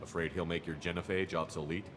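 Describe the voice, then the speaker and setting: A man's voice: low-pitched, little pitch movement, fast talker, fairly bright tone, slight background noise. A man playing a decisive, dryly wry military starship commander in a game. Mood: firm, wry. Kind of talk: game character acting.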